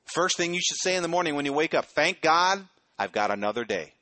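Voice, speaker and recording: With a high-leaning, expressive voice that's pushed and bright, a middle-aged pastor preaches fairly quickly in a conversational manner, checking in with "okay?" again and again. The recording is dry.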